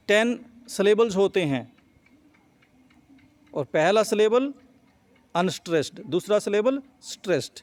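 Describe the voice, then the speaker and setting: A man's voice: high-pitched, darkish tone, no echo. A male teacher giving an explanatory lecture on poetry, repeating and rephrasing each point with fillers. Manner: reads English lines slowly, then explains in Hindi.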